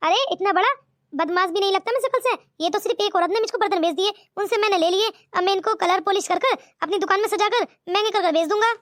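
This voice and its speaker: Cartoon male vendor, cheeky and haggling, played by a woman, very high light voice, dry close sound. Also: quick pace, a bit bright, dry recording. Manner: teasing, bargaining. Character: male street vendor, cheeky, laughing, haggling over pots.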